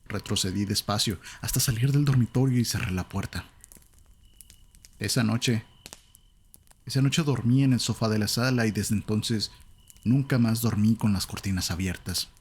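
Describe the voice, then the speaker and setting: A man with a Latin American Spanish accent narrates a horror tale in a calm, measured way. His voice sits low. A faint hiss runs under the recording.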